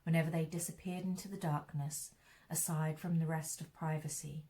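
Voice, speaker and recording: A woman reading a fantasy novel aloud in a steady, measured fan read-along narration. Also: sits low. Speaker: audiobook reader.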